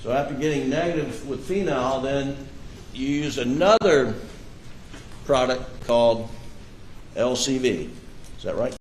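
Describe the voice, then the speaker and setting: A man's voice: mid-range voice, measured pace, long pauses. Man cross-examining in an echoey courtroom recording. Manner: pointed leading questions. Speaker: defense attorney. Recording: echoey courtroom feed, faint hiss.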